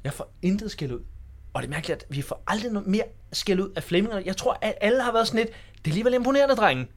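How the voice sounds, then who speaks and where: A man's voice: high-pitched, animated. A man in his forties telling a school anecdote in a casual chat, acting out the people in the story. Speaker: podcast host.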